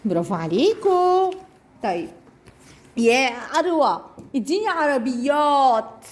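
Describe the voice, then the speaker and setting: High-pitched Egyptian woman teaching children. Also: expressive. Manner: encouraging, praising children often; slow drawn-out repetition of target words. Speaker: speech therapist teaching young children. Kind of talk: interactive children's lesson. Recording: noisy room recording.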